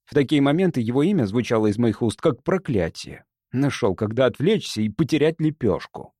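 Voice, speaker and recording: Expressive male audiobook narrator. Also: mid-range voice, brisk, dry recording. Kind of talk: scripted first-person audiobook narration.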